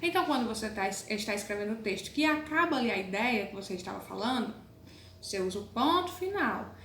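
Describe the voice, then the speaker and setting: Her mid-range voice is animated and a bit bright: a primary school teacher with a Brazilian Portuguese accent, teaching young pupils in a recorded online class. Patient and slow in her explanations, she calls them "my loves," and the echoey room carries faint background noise.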